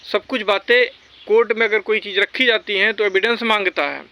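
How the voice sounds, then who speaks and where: Over a muffled recording, a man with a high voice and steady tone talks a little fast. He gives recruitment exam updates as a vlogger, speaking informally and with firm opinions right to his audience, pushing them and repeating himself for emphasis.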